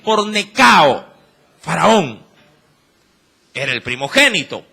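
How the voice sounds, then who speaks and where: A man's voice: very high voice, pushed and bright. A man with an Ecuadorian accent preaching a sermon, emphatic and firing rhetorical questions at the congregation.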